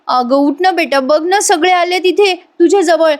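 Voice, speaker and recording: Woman reading a pleading new mother, high voice, soft coaxing. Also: unhurried.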